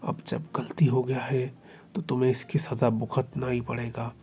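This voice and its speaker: A man voicing a domineering young husband who speaks in a quiet, cold and threatening way. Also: medium pitch, fairly even intonation, unhurried, vocal fry. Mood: menacing.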